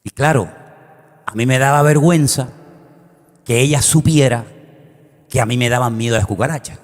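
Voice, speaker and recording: A middle-aged man, preaching a sermon and telling stories, acting out voices and shouting at times. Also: medium pitch, normal speed. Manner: animated, acts out quoted voices and shouts. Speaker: pastor. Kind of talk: sermon storytelling. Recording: long hall reverb.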